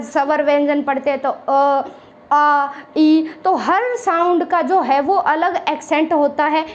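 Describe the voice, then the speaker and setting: In this lo-fi clip, a high-pitched female teacher runs through exam-prep material. Her Hindi is mixed with English terms, and she keeps repeating "ठीक है" to check in with listeners.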